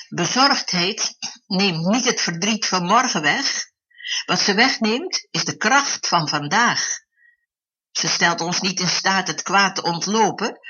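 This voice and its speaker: A preacher giving an earnest devotional talk, slowing down to stress key phrases. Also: medium pitch, sharp tone, husky. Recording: dull lo-fi recording.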